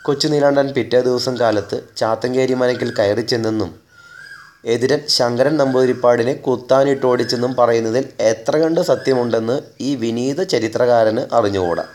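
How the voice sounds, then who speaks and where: A man reading a humorous story aloud as a storyteller, in a measured, wry, deliberate manner. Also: medium pitch, darkish tone.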